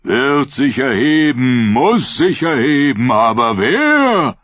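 A man voicing a crowd of fanatic drowned men in an audiobook, with loud, high, rhythmic chanting. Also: big pitch swings, slow, heavily acted. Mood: urgent. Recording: dull lo-fi dry recording.

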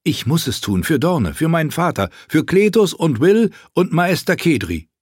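A man's voice: on the high side, very animated, normal speed, husky, dry recording, clean studio sound, voice pushed up. A man voicing an earnest, stubborn young prince in an audiobook, speaking insistently. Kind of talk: audiobook character voice.

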